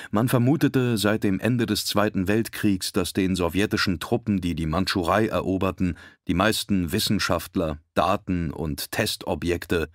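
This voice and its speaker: A man reading an audiobook in a measured, serious, documentary-style narration. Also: low-pitched, no echo, clean studio sound.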